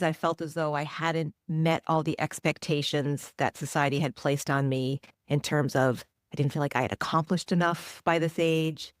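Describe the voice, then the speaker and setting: A woman's voice: low-pitched, dry recording, studio quality. A woman in her forties, a journalist and author, answering interview questions in a reflective, earnest way. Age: 40s.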